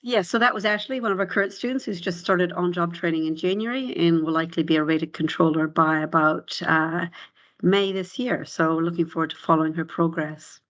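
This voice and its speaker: A woman speaks on a video call, leading an online info session. Her voice sits fairly low, and she explains things in an easy, unhurried way, with ums and uhs scattered through. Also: fairly bright tone. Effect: heard on a video call. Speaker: recruitment presenter.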